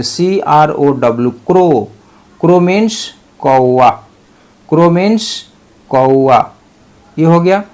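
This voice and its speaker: A man teaching a pronunciation lesson, asking questions and answering them himself, repeating each point. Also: fairly high pitch. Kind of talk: explaining English pronunciation rules.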